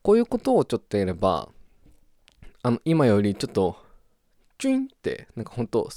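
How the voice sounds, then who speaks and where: Chatting casually on his solo podcast, this young man from Japan speaks a little fast in a voice on the low side. He's animated and silly, tossing in sound words and puns, and the audio is dry and studio quality.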